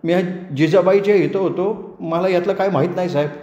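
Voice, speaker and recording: A man voicing a frightened poor village man who pleads with a police officer in a high whining voice, recorded in a dull, roomy space. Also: fairly quick, mellow, close to an everyday voice. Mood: pleading. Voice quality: pleading, whining, higher put-on voice.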